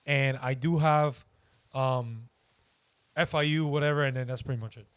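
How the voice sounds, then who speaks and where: A man's voice: mid-range voice, steady tone, moderate pace, smooth, no room sound. A young man in his early twenties, a podcast guest, talking in an easygoing, rambling way with many hesitations. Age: young adult. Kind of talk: casual interview.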